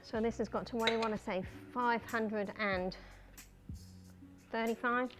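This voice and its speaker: Music plays under this livestream host, a woman with a broad Kiwi accent who jokes and chats colloquially while cooking. Her voice is slightly high and even, at a normal pace.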